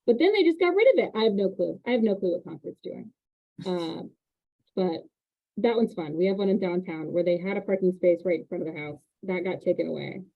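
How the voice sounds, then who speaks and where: A woman hosting a casual chat about renting, telling animated stories about parking. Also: on the low side, a little fast, gravelly. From Indiana. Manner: chatty, animated storytelling with laughs. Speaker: real estate agent and host. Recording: tinny phone-like line.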